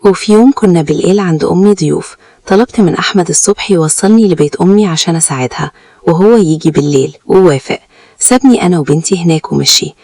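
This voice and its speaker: A woman with an Egyptian Arabic accent narrating a first-person story in a quick, even reading. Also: lowish voice, dry recording, studio quality.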